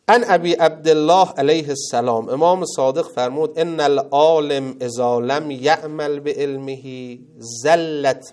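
A man teaching seminary students in a religious ethics lecture, reciting Arabic sayings and explaining them, with loud stresses and quiet asides. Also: mid-range voice.

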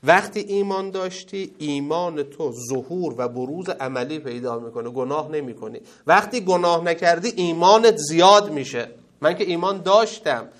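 A man teaching seminary students in a religious ethics lecture, reciting Arabic sayings and explaining them, with loud stresses and quiet asides. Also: fairly high pitch, expressive.

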